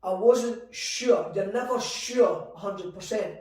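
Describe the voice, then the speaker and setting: A man in his forties telling his story in an interview, animated and acting out quoted conversations. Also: sits high, slow pace. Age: 40s. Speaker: guest entrepreneur. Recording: echoey room, mic at a distance.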